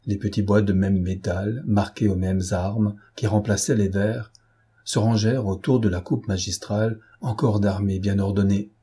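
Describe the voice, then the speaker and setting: A man narrates an old novel in a low, dark voice. His tone is husky and mellow, and he lifts his pitch brightly whenever he quotes the young officers. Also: fairly even intonation, normal speed. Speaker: audiobook reader. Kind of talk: scripted narration of a classic novel.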